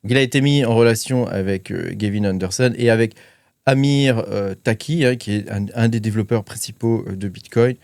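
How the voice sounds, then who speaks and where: A man's voice: on the low side, brisk, gravelly, a little mellow, no echo, studio quality. A man hosting a crypto channel, talking casually with lots of fillers and hesitations while reading his notes. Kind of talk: casual commentary to camera.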